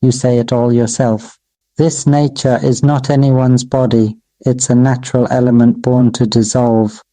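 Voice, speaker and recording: A Buddhist monk gives a dharma sermon in a very dark, mellow voice whose pitch barely moves, and his delivery is flat. His phrases are slow, measured and repetitive, almost like an incantation, and he refers to his own voice as "Mister Voice." The recording is close and dry, with no room echo.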